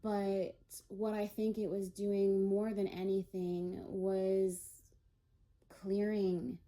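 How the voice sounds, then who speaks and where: A woman's voice: mid-range voice, mellow. A young woman giving a spiritual tarot-style reading, rambling and emotional, with many fillers. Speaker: tarot reader.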